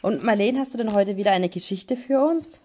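A woman's voice: mid-range voice, a little fast, mellow. A mother co-hosting a casual family podcast, encouraging her child to tell stories.

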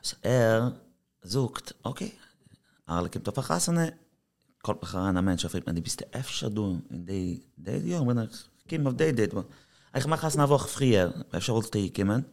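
A man's voice: on the low side, lively intonation, moderate pace, vocal fry, darkish tone. A man from Israel, a singer, talking as a podcast guest in an easygoing, storytelling way. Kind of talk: casual interview chat.

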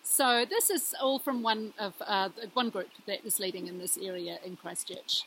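A woman talking earnestly and reflectively to a laptop outdoors beside a rushing river. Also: medium pitch, a bit bright, a little hiss or hum, rough recording. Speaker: student presenter of a video reflection. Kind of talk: informal talk to camera with quotes and prayer. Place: outdoors in snowy woods beside a rushing mountain stream. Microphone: laptop microphone. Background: rushing river water and birds.

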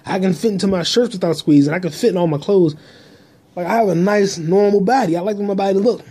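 A man's voice: high-pitched, quick pace, dark tone, slightly rough. A man hosting a solo podcast, talking in a crude, rambling, profane way into a phone held in his hand. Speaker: podcast host. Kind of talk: casual solo monologue.

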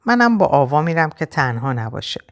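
Brisk friendly young woman, lowish voice with a lively lilt as a woman reader puts her on.

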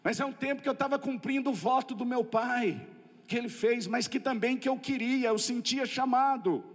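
Brazilian male preacher, high voice, comic storyteller, echoing church hall. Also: normal speed. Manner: lively storytelling with comic asides. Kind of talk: humorous testimony sermon.

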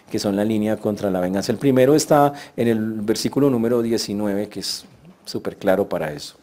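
A man's voice: fairly low pitch, mellow. A man preaching a sermon, telling the story vividly and acting out the voices of the people he quotes.

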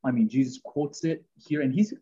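A man's voice: mid-range voice, normal speed, mellow, husky, muffled recording. A man hosting a podcast, talking through Bible passages in an earnest, rambling way with many fillers and restarts. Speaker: podcast host. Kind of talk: casual Bible teaching chat.

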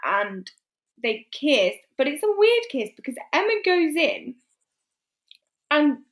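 A woman with a high, bright voice chats casually about a film. She is animated, laughs often and acts out the characters' lines as she retells the plot. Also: slow.

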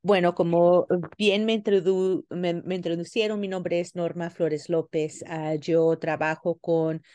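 A middle-aged woman from South Texas telling her story in a podcast interview, halting with many fillers and restarts. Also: fairly low pitch, flat delivery, warm tone, no room sound. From South Texas, US border. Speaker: guest, farmworker advocate.

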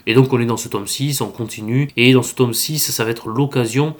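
Male podcast host, casual review delivery, halting and chatty, mid-range voice. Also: mid-range voice, fairly even intonation. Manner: hesitant, lots of filler sounds, chatty.

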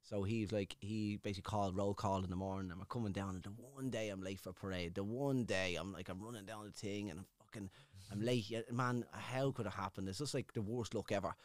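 A man's voice: fairly low pitch, fairly even intonation, a little fast, no room sound. A man with an Irish accent chatting casually, rambling and swearing freely as he tells stories. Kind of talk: casual chat.

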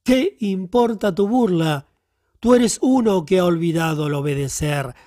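A man voicing a stern, voiceless spirit of the silent hour in an audiobook, speaking slowly and solemnly. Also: high-pitched, warm tone, no echo, studio quality. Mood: stern, admonishing.

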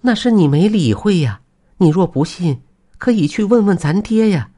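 A man's voice: sits high, expressive, normal speed, mellow, pitched above the performer's own voice. A man voicing a farmer's wife who earnestly urges her husband. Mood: urging. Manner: earnest, pleading. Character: village wife, earnest and urging.

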